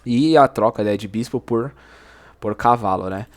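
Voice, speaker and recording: A man talking through his own chess game in slangy, animated commentary, often exclaiming at the moves. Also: fairly low pitch, moderate pace. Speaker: chess YouTuber.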